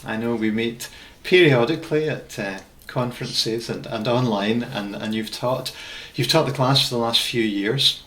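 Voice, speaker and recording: A man interviewing a guest over a video call, asking questions in a halting way, often repeating words as he finds them. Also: mid-range voice, a bit bright. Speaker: interviewer, mediation teacher. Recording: echoey room.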